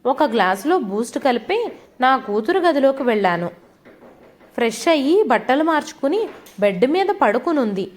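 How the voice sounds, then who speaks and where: A woman with a high voice reads a family story aloud as a scripted audiobook. She tells it in the first person, gently and with feeling. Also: big pitch swings, normal speed.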